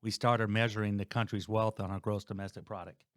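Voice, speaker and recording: Late-50s male podcast guest, low-pitched, meandering and dry-sounding. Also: little pitch movement, brisk, dry recording. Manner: rambling, restarts, thinking aloud. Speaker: guest, host's father. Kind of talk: casual podcast chat.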